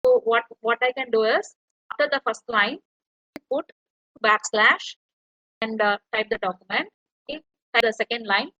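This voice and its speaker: Woman lecturer, bright and fairly high voice, walks through each step as she types, dull dry call audio. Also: normal speed, long pauses, no room sound. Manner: explains step by step while typing. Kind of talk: online tutorial walkthrough.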